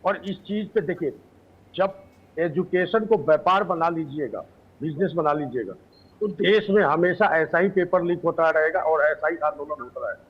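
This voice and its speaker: A man speaking as a guest in a political debate, raising pointed questions in a measured way. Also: fairly high pitch, breathy edge, muffled recording. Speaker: panel guest.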